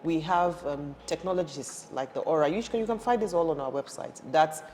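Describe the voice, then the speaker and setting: Speaking fairly quickly in a low, slightly mellow voice, this energy industry professional in her thirties recounts her career as an interview guest. She is from Ghana but grew up in Nigeria, and her conversational telling is full of fillers and restarts. The room is reverberant, with faint background noise.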